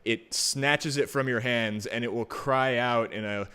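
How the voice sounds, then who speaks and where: A man's voice: mid-range voice, fairly even intonation, measured pace, pushed and bright, clean tone. A man narrating a tabletop roleplaying game as the game master, describing and ruling on play.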